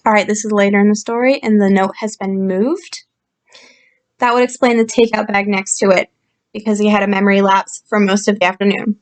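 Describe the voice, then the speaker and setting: A woman reading a story aloud and commenting on it in a calm, explanatory way, with frequent fillers, recorded on a computer's built-in mic. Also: mid-range voice, a little fast. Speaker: channel host reviewing a story. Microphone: built-in computer microphone.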